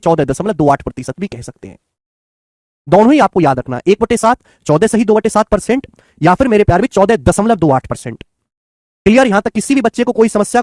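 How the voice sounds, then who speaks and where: Male math tutor, high voice, close and dry sound, patient and repetitive with students. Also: a little mellow, no echo. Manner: coaxing, repetitive, addresses students as children and friends. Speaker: math teacher. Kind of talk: online exam-prep lecture.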